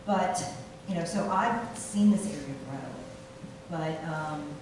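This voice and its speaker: Middle-aged woman candidate, low voice, halting stump speech, echoey distant room mic with noise. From Taiwan. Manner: halting, with fillers and restarts. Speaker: city council candidate. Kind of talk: campaign speech. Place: meeting room. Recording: echoey room from far off, noisy.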